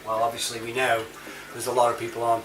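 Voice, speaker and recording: Talking quickly in a monotone, fairly bright mid-range voice, this British online reviewer and CB chat app user rambles casually, matey and full of slang. The recording is roomy, from a distant mic, with clear background noise.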